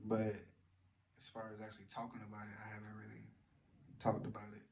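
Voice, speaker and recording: Soft-spoken man with a gravelly, flat voice. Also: noisy background. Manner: speaks softly and low; halting, with many fillers and restarts. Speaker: vlogger. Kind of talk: personal vlog, sharing a story of loss.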